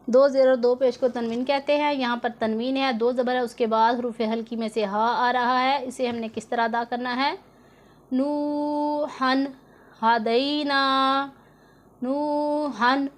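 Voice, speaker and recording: A woman's voice: a little high, fairly even intonation. A woman teaching Quran reading rules in a tutorial lesson, patiently repeating and drawing out each example word. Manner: slow and patient, drawing out example words syllable by syllable.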